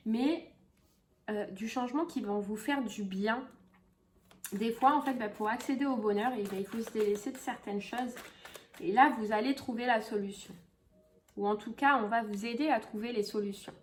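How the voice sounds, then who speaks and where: A woman's voice: fairly high pitch, normal speed, slight background noise. A woman giving a casual tarot reading, chatty and full of fillers and repeated phrases. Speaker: tarot reader.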